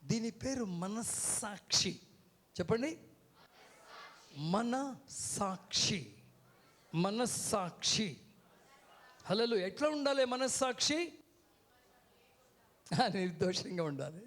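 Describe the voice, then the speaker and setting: Speaking slowly and very animatedly, with long pauses, this man has a high, slightly bright voice. He's a guest preacher giving a call-and-response sermon on a church stage, repeatedly shouting "hello" to the congregation and getting them to echo words back.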